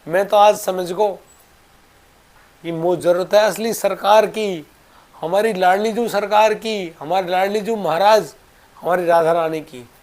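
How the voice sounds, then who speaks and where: A man's voice: sits high, unhurried, long pauses, pitched above the performer's own voice. A man voicing a stubborn, devoted old male ascetic who scolds in rustic speech. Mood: indignant.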